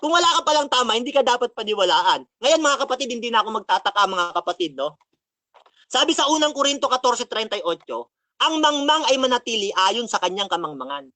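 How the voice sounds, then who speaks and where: High-voiced man taunting a debate rival. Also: big pitch swings, quick pace, pushed and bright, no room sound. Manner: taunting, mocking, quotes scripture constantly. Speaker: religious debater. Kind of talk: closing debate rebuttal.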